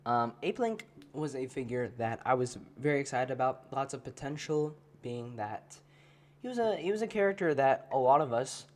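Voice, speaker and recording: A man's voice: mid-range voice, animated, moderate pace. A man with a congested voice, hosting a podcast and chatting casually with many fillers and restarts. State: congested, has a cold. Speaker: podcast host. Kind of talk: casual toy review chat.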